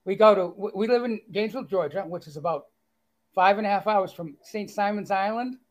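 A man speaks in a high, brisk voice with a Boston accent. As an author guest, he reads his own story aloud and joins in casual interview chat, cheerfully self-deprecating and leaning on fillers.

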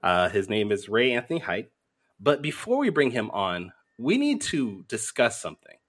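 A man's voice: on the low side, very animated, normal speed, fairly bright tone, slightly rough. A man hosting a live podcast with casual, bantering talk. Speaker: podcast host.

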